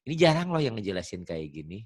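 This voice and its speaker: Lively-voiced man teaching Quran reading. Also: fairly low pitch, no echo, clean studio sound. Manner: patient, chatty explaining, drawn-out chanted recitation. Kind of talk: online Quran reading lesson.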